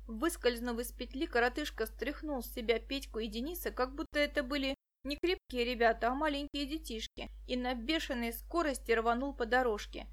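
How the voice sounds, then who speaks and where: A woman narrating a children's adventure audiobook in a lively way. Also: high-pitched. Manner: lively, plays all the figures. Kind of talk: scripted narration.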